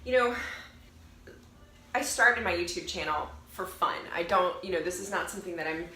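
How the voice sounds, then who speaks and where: A young woman recovering from a cold speaks at a moderate pace with a fairly low pitch and a sharp tone, sounding congested and nasal. As a fitness vlogger she chats casually to camera, rambling and self-correcting, with roomy echo and faint noise in the recording.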